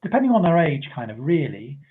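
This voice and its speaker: A man's voice: fairly high pitch, very animated, a little fast, husky. A chatty man telling anecdotes on a live-stream panel over a video call. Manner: chatty storyteller who acts out voices in quotes. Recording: tinny phone-like audio.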